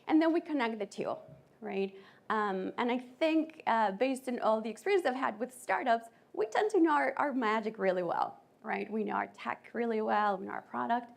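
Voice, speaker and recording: A woman from Colombia with a Colombian Spanish accent, giving a lively conference talk to an audience. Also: on the high side, moderate pace, vocal fry. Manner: lively, audience-engaging presenter. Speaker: conference speaker.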